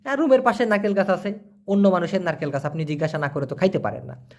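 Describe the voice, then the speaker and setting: A man, answering viewer questions in a casual spoken lesson and repeating words slowly for learners. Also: high-pitched.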